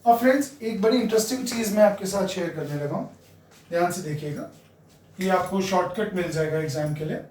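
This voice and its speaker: A man's voice: high voice, brisk, a little mellow, slight background noise. A man with an Indian accent teaching accounting, mixing Hindi and English, explaining step by step and checking in with his students. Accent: Indian English mixed with Hindi. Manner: explains step by step, often checks in with "right" and "friends". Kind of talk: classroom lecture at a board. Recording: roomy, distant mic.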